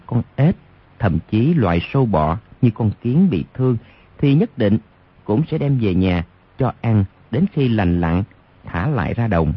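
A man's voice: on the low side, slightly rough. A man narrating a martial arts novel as an audiobook on radio, reading expressively. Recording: lo-fi radio recording.

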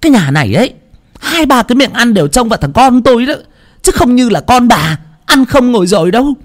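Bà Tuyết, a shrill spiteful mother-in-law. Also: very animated, brisk. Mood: furious. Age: older. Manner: screeching, scolding, wailing insults.

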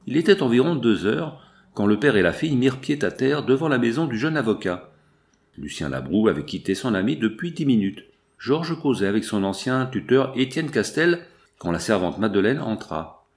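A man narrating an audiobook of a nineteenth-century novel in a steady, formal reading. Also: mid-range voice, normal speed.

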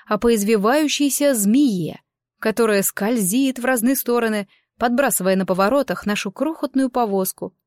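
A woman reads a first-person novel in an even, measured storytelling voice. The recording is dry and close, with no room echo at all. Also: a little high. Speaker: audiobook narrator. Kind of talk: scripted first-person narration.

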